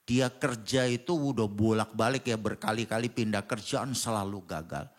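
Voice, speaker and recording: A man preaching a Sunday sermon in a church, swinging between loud exclamations and low chuckling asides. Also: normal speed. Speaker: pastor. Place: church hall.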